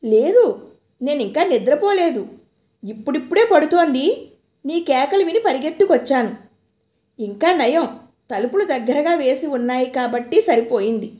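A woman's voice: sits high, expressive, moderate pace, pauses often, a little mellow. A woman voicing a worried, caring young husband who asks anxious, soothing questions. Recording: roomy echo.

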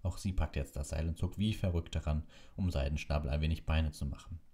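Deep husky man reading a story. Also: brisk. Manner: steady storytelling. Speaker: audiobook narrator. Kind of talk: audiobook narration.

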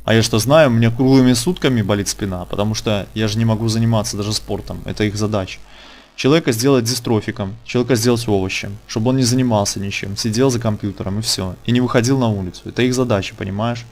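A man's voice: fairly low pitch, quick pace, a little mellow. A man hosting a casual online interview, talking colloquially and insistently, repeating phrases for emphasis. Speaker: interviewer and channel host.

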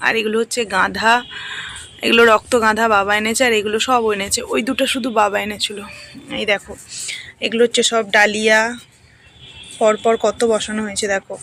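A young woman from Bengal speaking with a Bengali accent, chatting to viewers in a casual vlog as she walks her rooftop garden and picks flowers, talking a little softly. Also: mid-range voice, flat delivery, a little fast, pauses often. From Bengal, India. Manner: chatty, walking tour, points things out while picking flowers. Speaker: vlogger, housewife. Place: rooftop garden of a home, outdoors.

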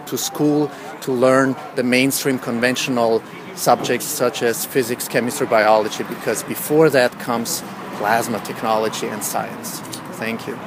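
A man's voice: medium pitch, steady tone, unhurried. A man in his forties who grew up in Austria, giving an earnest on-camera statement outdoors beside a building, full of restarts. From Austria, born in Iran. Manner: earnest, lists ideas with many restarts. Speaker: interviewee at an institute opening. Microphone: handheld camera close up. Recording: outdoor street noise.

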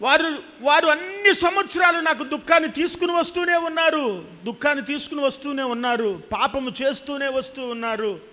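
A man's voice: very high-pitched, a little fast, pushed and bright. A man in his thirties with a Telugu accent, preaching an impassioned sermon into a handheld mic and repeating phrases for emphasis. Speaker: pastor. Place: church stage with a cross backdrop. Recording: hall reverb.

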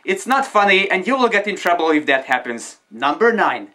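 A man's voice: sits high, very animated, normal speed, bright, forceful tone. A man gives casual, joking tips on fursuiting, his voice muffled through a costume head. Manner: joking, blunt, swears for emphasis. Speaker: vlogger giving fursuit tips.

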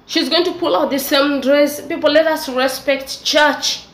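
Speaking at a measured pace with fairly even intonation, a young adult vlogger with an East African English accent lectures in an exasperated tone. Her high voice echoes in a room with a bit of faint noise.

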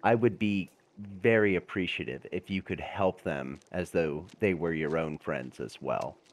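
A man's voice: low voice, measured pace. A man voicing a formal, long-winded male adventurer in a tabletop game. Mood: earnest.

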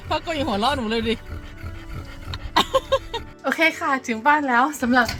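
A woman with a Thai accent chats casually for her vlog, her voice sitting a little high for a woman. She laughs often and slips English phrases into her talk. Soft music plays faintly underneath. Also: moderate pace. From Thailand. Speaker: vlogger and mother.

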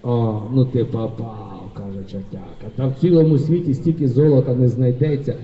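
A man playing a sly male devil who comes to collect a soul, speaking with low, hushed menace, recorded from afar in a concert hall. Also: fairly even intonation, moderate pace, distant mic, narrow, tinny audio, lightly acted. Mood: menacing.

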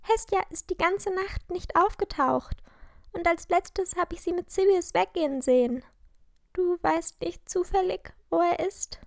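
A woman's voice: very high voice, a little slow, gravelly, dry recording, studio quality, pitched above the performer's own voice, full character voice. A woman voicing a bold teenage head girl who talks urgently and gives orders. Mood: worried. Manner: urgent, commanding.

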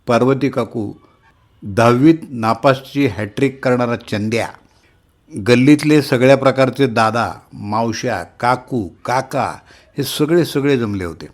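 A middle-aged man reading a humorous short story aloud, lively and shifting his voice to act out the characters. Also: mid-range voice. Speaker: story reader.

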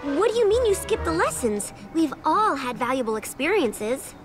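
Earnest, high-voiced young cartoon pony. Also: female voice, very animated, moderate pace. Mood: indignant. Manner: earnest, articulate. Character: earnest, concerned young female pony, caring and indignant. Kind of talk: animated cartoon acting. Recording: cartoon soundtrack with music behind.

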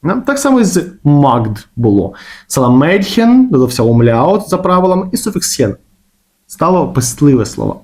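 A man with a Ukrainian accent teaching German grammar in a casual explanatory lesson, slowing down to stretch out example words. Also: fairly high pitch, darkish tone.

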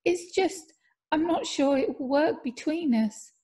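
A woman voicing a young male footballer in an audiobook, earnest and reassuring, a little louder than her narration. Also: high voice, measured pace, voice pushed up.

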